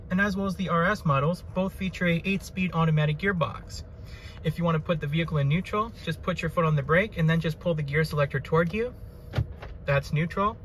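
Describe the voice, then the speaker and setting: A man's voice: on the high side, fairly bright tone, slight background noise. A man giving a casual car walkaround, talking in a plain, easygoing show-and-tell way with frequent fillers. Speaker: car reviewer. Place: around and inside a parked car.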